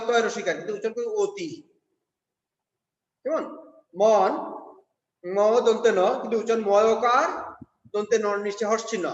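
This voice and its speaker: Man teaching in an echoey hall. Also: very high-pitched. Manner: slow, explains step by step, spells out letters one by one. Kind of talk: exam revision lecture. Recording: echoey hall, dull lo-fi sound.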